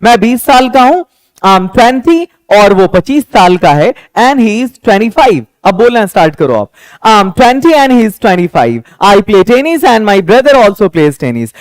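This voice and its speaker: A young man teaching a spoken English lesson, patiently explaining and slowly repeating example sentences. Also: very high voice, very animated, dry recording.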